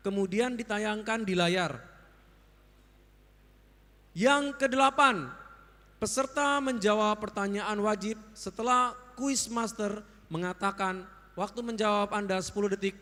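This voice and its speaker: A woman's voice: medium pitch, a bit bright. A woman formally reading out competition rules as a judge. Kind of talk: formal rule reading to contestants. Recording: reverberant hall.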